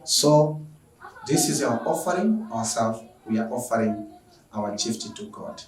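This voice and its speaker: A man's voice: mid-range voice, very animated, a little slow. A man from Tanzania, a math teacher, earnestly closing an online lesson and asking viewers for donations. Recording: echoey room, noisy from far off.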